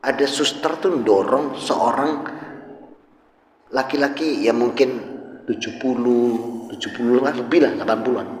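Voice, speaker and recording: Echoey preacher. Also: male voice, medium pitch, a little hiss or hum. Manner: storytelling, acts out voices, mixes Javanese into speech. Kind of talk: sermon. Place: mosque hall. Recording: echoey hall with long reverb.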